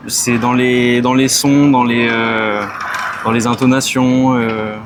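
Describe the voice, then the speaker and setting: Halting man passerby, medium voice, noisy street. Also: medium pitch, level tone. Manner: halting, searching for words. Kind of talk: street interview answer.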